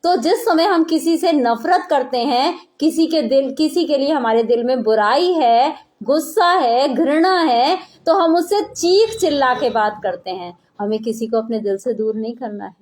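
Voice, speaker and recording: High-voiced woman preaching earnestly. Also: a little slow, hardly any pauses, darkish tone. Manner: earnest, repeats key phrases for emphasis. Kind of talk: sermon.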